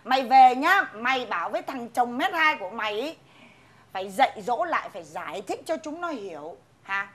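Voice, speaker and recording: Một người phụ nữ đóng vai bà nội già nghiêm khắc, giọng miền Bắc, hay mắng mỏ con cháu trong tiểu phẩm hài. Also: female voice, a little high, big pitch swings, brisk, fairly bright tone. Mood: scolding. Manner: scolding, blunt, teasing. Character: stern old grandmother, scolding. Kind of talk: comedy sketch acting.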